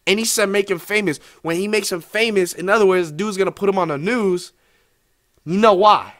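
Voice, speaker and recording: A young American man hosting a reaction video, excitedly exclaiming and breaking down what he hears. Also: high-pitched, normal speed. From United States. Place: small indoor room at a desk. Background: faint music from the video he plays.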